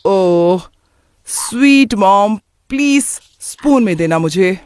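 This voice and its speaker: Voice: medium pitch, expressive, takes it slowly, clean tone. A breezy, careless young man from a cartoon moral story, voiced by a narrator. He tosses off English slang without much thought. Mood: dismissive. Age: young adult. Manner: mixes English slang into his talk.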